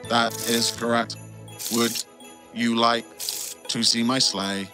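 A man voicing a robot Santa who poses as a jolly human, speaking in a stiff, flat, robotic way while imitating festive cheer. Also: mid-range voice, slow pace, over loud music, close to an everyday voice. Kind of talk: cartoon voice acting.

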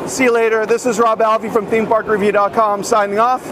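A middle-aged man hosting and commentating excitedly, often shouting, while riding on a roller coaster outdoors. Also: high voice, a little fast. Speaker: theme park video host. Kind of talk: excited first-person ride commentary. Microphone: ride-mounted camera facing front seat. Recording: windy roller coaster noise, screaming riders.

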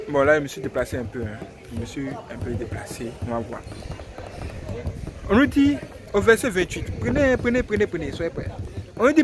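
A young man teaching from the Bible, retelling a story in a lively sermon with exclamations and repeated phrases. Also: a little high, noisy background.

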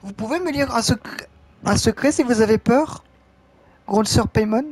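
A man voicing an anxious little girl in a game, reading her lines slowly. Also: extremely high pitch, pitched above the performer's own voice. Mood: shy. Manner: slow careful read-aloud.

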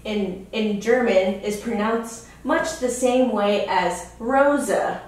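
A woman's voice: mid-range voice, slow. A woman in her thirties hosting a casual beer vlog at home, swearing freely and rambling. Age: 30s. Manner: profane and rambling, loud whoops. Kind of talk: casual chat. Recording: echoey room from far off.

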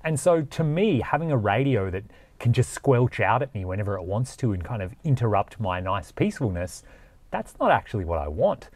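A forty-something Australian overland traveller vlogs casually, explaining things in a frank, plain-spoken manner from a workshop garage and while seated in a vehicle. He speaks briskly in a fairly low, slightly mellow voice with big swings in pitch.

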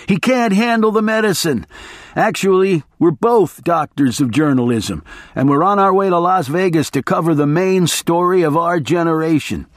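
A man voicing a reckless, wired male journalist who makes loud, brash declarations, in an audiobook reading. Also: on the high side, moderate pace, no echo, clean studio sound, pitched above the performer's own voice, lightly acted.

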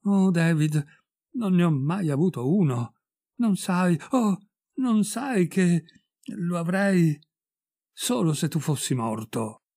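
A man's voice: high voice, big pitch swings, slow, vocal fry, a little mellow, husky, dry recording, studio quality, voice pushed up, exaggerated voice. A man voicing a sobbing, frightened mother. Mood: pleading. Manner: pleading, sobbing tone. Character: frightened, tearful mother of a family.

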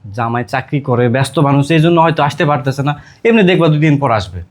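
A performer playing a calm middle-aged husband and father, mild and placating. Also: mid-range voice, quick pace, natural voice.

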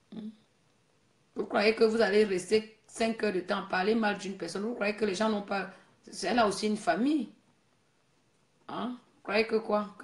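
A woman's voice: mid-range voice, roomy sound. Scolding woman on a live stream. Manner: scolding, preachy, repeats herself. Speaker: Facebook live host. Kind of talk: casual live-stream monologue.

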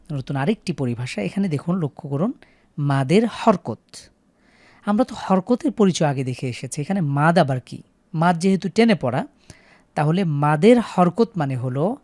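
A man's voice: a little high, darkish tone, no echo. A man with a Bangladeshi Bengali accent teaching a Quran recitation class, patiently repeating questions and drilling syllables.

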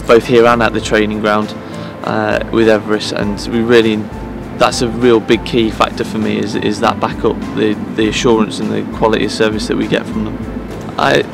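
A man in his thirties, a head groundsman, speaking earnestly to camera outdoors at pitch side in an empty stadium, pausing often with fillers and restarts. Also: level tone, gravelly, music in the background. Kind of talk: promotional interview to camera.

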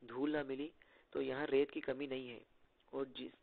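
Bantering young agent, read by a man with a gravelly edge, through a thin phone-like line. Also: medium pitch, level tone, moderate pace. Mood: joking. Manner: playful, bantering. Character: joking, teasing young male secret agent. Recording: tinny phone-like lo-fi audio.

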